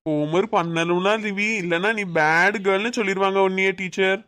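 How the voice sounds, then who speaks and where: A woman voicing a mild, peace-making father in a cartoon, calm and placating. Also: mid-range voice, brisk, smooth, close to an everyday voice. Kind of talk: cartoon voice acting.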